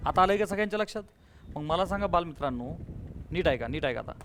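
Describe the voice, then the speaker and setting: A man teaching a maths class in a classroom, energetic, firing questions at students and urging them to answer loudly. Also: on the high side, quick pace, slight background noise. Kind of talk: classroom lecture with call-and-response.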